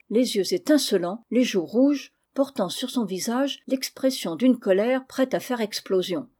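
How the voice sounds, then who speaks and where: A woman narrating a classic novel as an audiobook in measured storytelling. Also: fairly high pitch, dark tone.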